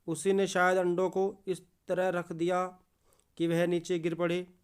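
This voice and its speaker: A man's voice: high-pitched, monotone, a little slow, smooth. A man teaching a lesson, reading a story aloud and explaining it, often repeating key words as questions for the students. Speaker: Hindi teacher.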